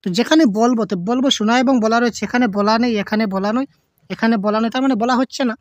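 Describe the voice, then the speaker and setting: A woman's voice: fairly high pitch, dry recording, muffled recording. A woman teaching an online exam-prep lesson, reading multiple-choice questions aloud, drawing out the options and answering them herself. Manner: asks questions and answers them herself, mixes in English terms; drawls options slowly, then gives answers quickly.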